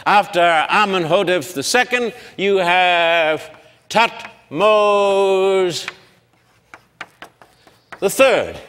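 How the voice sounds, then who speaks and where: A male Bible lecturer with a fairly high voice speaks slowly and with great deliberation, breaking long names into separate syllables. His voice carries a long reverb, as if recorded in a large lecture hall. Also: fairly bright tone, clear, resonant tone. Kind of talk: public Bible lecture with blackboard.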